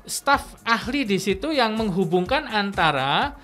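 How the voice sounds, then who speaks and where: A woman's voice: mid-range voice, lively intonation, measured pace, a bit bright, soft background music. A woman guest speaker on a radio talk show, explaining at length in a teacherly manner with many "you know" tag phrases. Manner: explanatory, teacherly, often tags phrases with "gitu ya". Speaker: guest speaker on business skills. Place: radio studio.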